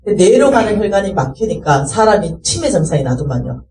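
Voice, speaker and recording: Lively woman giving testimony. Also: fairly low pitch, brisk, roomy sound, distant mic, low-quality recording. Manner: animated, acts out the people in her story; impassioned, rising to fervent pleading. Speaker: speaker giving a church testimony. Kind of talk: sermon testimony storytelling.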